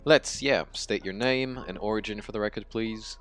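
A man's voice: fairly low pitch, a bit bright, faint music behind, natural voice. An actor playing a dry, teasing interviewer who needles his guest in an audio drama. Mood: wry. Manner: sardonic, brisk.

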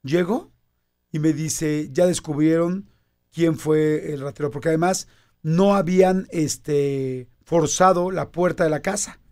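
A Mexican man in his fifties telling a personal story in casual conversation, animated and acting out quoted dialogue. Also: on the high side, a little slow.

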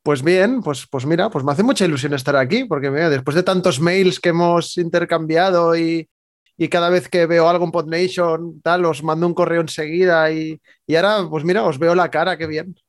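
A man's voice: on the high side, fairly even intonation, moderate pace. A man with a Spain Spanish accent, a podcaster guest chatting casually in an interview, with many fillers and restarts.

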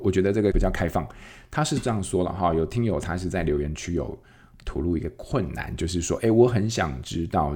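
A man with a Taiwanese Mandarin accent, co-hosting a podcast and speaking in a measured, hesitant way. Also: low voice, mellow. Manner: measured, hesitant, with filler sounds. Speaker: podcast co-host, psychologist. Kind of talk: casual conversational podcast.

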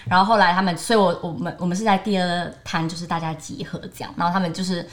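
A woman's voice: lowish voice, fairly even intonation, fast. A young woman in her twenties with a Taiwanese Mandarin accent, co-hosting a casual podcast and telling a story animatedly, acting out what others said. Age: 20s. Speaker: podcast co-host.

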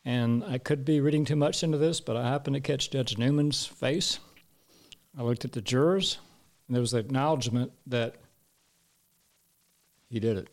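Gravelly-voiced man analysing a trial. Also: mid-range voice, a little mellow. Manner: emphatic, repeats words for stress. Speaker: legal commentator. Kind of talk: casual panel discussion.

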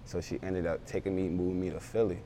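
A man's voice: sits low, little pitch movement, fast talker, warm tone, a little hiss or hum. A young man, a rapper, talking casually in an interview with loose, rambling street slang. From Baltimore, raised in Philadelphia.

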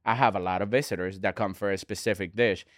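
A man, a restaurant owner talking as a guest in an earnest, halting way with many restarts. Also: lowish voice, steady tone, a bit bright, dry recording, clean studio sound. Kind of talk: casual interview talk.

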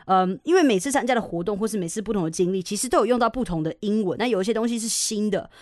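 A woman's voice: medium pitch, expressive, very fast, darkish tone, no echo, clean studio sound. A young woman from Taiwan, hosting a podcast in a frank, emphatic way and swearing freely. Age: young adult. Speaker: podcast host and English teacher. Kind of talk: casual podcast monologue.

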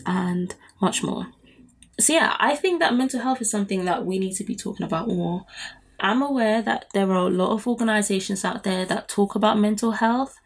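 A British woman hosting a podcast solo, talking in a chatty, informal and conversational way. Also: mid-range voice. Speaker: podcast host. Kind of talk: casual solo podcast talk.

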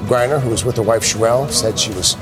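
Male news anchor over clear music. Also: fairly low pitch, fast talker, rough recording. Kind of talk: scripted news reading.

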